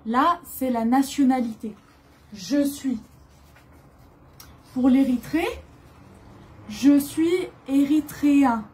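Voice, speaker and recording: Slow-speaking French woman teacher. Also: sits high, dark tone. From France. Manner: slow, carefully articulated, repeats each word. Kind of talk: slow beginner language lesson.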